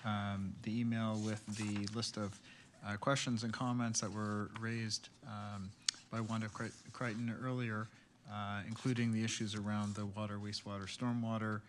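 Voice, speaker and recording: Low, flat-voiced male councillor. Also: background noise. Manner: measured, hesitant, many fillers. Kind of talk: council meeting remarks.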